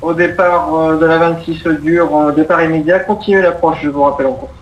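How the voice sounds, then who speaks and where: Brisk and fairly even in intonation, a slightly high male voice handles air traffic control duties, offering courteous, procedural guidance and explanations over the radio. Faint noise sits under the muffled, roomy radio sound.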